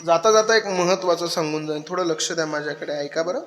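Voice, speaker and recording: Impassioned man preaching a kirtan. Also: fairly high pitch. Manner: impassioned, swinging from loud cries to hushed speech. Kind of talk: devotional kirtan sermon. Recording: echoey hall with loud crowd noise.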